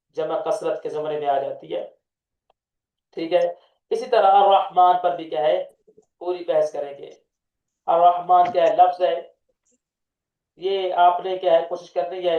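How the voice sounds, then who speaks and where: Male grammar teacher, slightly high voice, self-answering drill style, echoey distant dull recording. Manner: asks questions and answers them himself. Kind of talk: online lecture.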